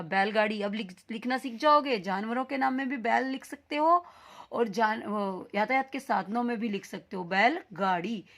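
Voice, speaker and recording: A woman teacher giving a recorded lesson to young children, sounding out syllables slowly and with emphasis, mixing in English words. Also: medium pitch.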